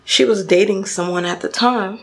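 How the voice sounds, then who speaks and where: Young woman with vocal fry, chatty storytime. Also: mid-range voice, moderate pace. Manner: casual, chatty, many fillers and restarts, addresses viewers directly. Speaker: beauty vlogger. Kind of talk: storytime while doing makeup.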